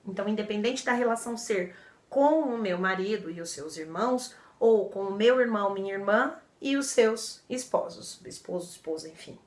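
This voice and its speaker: A woman's voice: medium pitch, lively intonation, normal speed. A woman explaining vocabulary to viewers as a teacher, patient and repeating terms with frequent checks for understanding. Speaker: French teacher. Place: indoor room in front of a board. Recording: roomy echo, a bit far from the mic.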